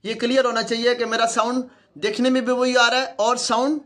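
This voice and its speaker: Speaking into a close microphone, a male Quran teacher with a Pakistani Urdu accent runs an online lesson on letter pronunciation. His pitch is high, bright-edged, and level in tone, and he demonstrates by calmly repeating every sound.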